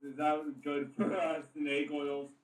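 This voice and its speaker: A man's voice: fairly high pitch, little pitch movement, slow pace, echoey room, far from the mic, rough recording. A man playing in a casual tabletop game, chatting about his character in an easygoing way and laughing often. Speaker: player.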